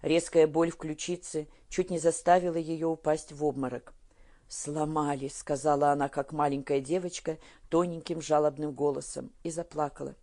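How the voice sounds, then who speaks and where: Woman audiobook narrator, low and deep, steady delivery. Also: moderate pace, few pauses. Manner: steady storytelling. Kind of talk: scripted narration.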